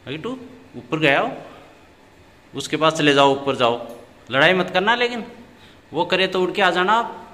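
A man's voice: fairly high pitch, animated, moderate pace, pauses often, pushed and bright, in a large hall. A man filming his pet parrots at home, talking to them in coaxing, sing-song baby talk. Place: inside a home.

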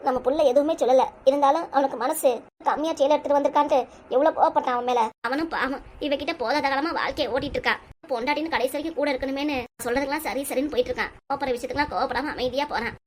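A woman's voice: high voice, steady tone, a little hiss or hum, natural voice. A woman voicing an indignant southern Tamil mother. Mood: aggrieved. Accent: southern Tamil, Tirunelveli. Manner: rapid, indignant complaining. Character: aggrieved middle-aged Tamil mother, complaining about daughter-in-law. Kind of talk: cartoon comedy dialogue.

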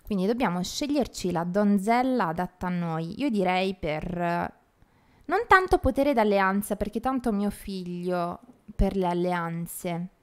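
Giovane donna, streamer, chiacchierona, ride spesso, commento di gioco informale. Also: female voice, medium pitch, animated, a little slow, a little mellow, smooth. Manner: chatty and playful, laughs often, reads chat aloud. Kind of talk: casual live game commentary.

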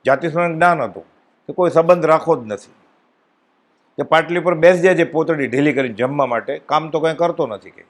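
A man giving a devotional discourse at a spiritual gathering, telling stories and acting out the dialogue with sudden rises and drops in his voice. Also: fairly quick. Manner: animated storytelling, acts out dialogue with swings in pitch and loudness. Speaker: spiritual speaker at a satsang.

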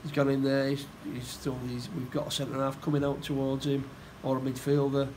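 A middle-aged football manager giving a post-match interview, plain-spoken and halting, often repeating his words. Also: medium pitch, monotone, darkish tone, slight background noise, rough recording. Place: indoor room by a stadium door.

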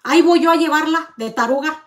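High-voiced, angry woman vlogger. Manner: angry, accusing, rapid rhetorical questions. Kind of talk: heated confrontational rant to camera.

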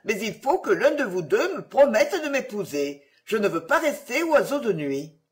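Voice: big pitch swings, normal speed, lightly acted. A storyteller voicing an enchanted princess turned into an owl, who pleads eagerly in a raised voice. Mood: pleading, eager. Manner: eager, higher and louder than the narration. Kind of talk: storybook reading.

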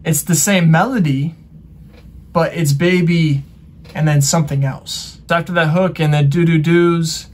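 Male reaction host, higher pitch, loose chatty explainer. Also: a little slow. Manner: relaxed, filler-heavy explaining. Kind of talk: casual music reaction commentary.

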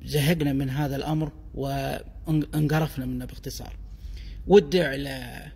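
A man with a Kuwaiti Gulf Arabic accent giving a deliberate, emphatic explanatory monologue in the manner of a language explainer. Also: mid-range voice, steady tone, creaky, darkish tone, breathy edge. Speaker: explainer of dialect words. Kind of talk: explanatory monologue on word origins. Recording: long reverberant echo.

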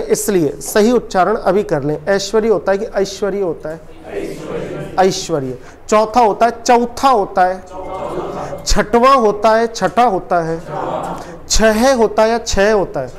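High-voiced teacher drilling his class. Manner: quizzes students repeatedly, answers his own questions. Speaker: Hindi teacher. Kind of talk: classroom lecture with call-and-response drilling. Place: coaching classroom.

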